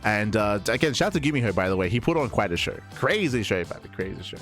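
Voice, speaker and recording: Faint music plays as a man with a lowish, animated, fairly bright voice quickly wraps up a stream casually. The esports caster rambles with fillers and restarts, and his voice hasn't fully come back since he lost it.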